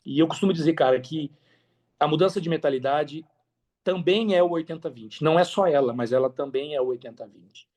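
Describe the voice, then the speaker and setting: Here a Brazilian man talks as a podcast guest, his voice fairly high, a little mellow, and a touch fast. Chatty and open about his story, he keeps tossing in slang and tag questions.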